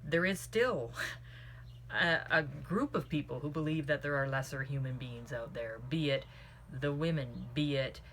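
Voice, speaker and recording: A book club host gives a casual spoken review of a book, earnest and opinionated, drifting off into tangents. Her voice is low-pitched and a bit bright, a little slow, with clearly audible background noise.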